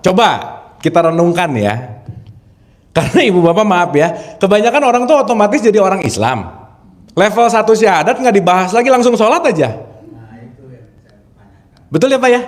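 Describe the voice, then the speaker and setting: Lively high-voiced man teaching a class. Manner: chatty, quizzes the audience, laughs often. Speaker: spiritual teacher. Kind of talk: informal religious lecture to an audience.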